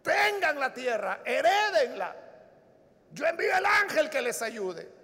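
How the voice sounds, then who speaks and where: A man voicing a stern God who refuses to go along with a stubborn people, declaiming loudly in slow stretched phrases. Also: very high voice, very animated, pitched above the performer's own voice, heavily acted. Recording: long reverb of a large hall.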